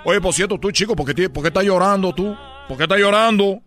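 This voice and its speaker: A man's voice: high-pitched, quick pace, fairly bright tone. A man voicing a cheerful Cuban baseball player with a Cuban Spanish accent, chatty and calling everyone "chico" in a radio comedy sketch. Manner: chatty, keeps saying "chico".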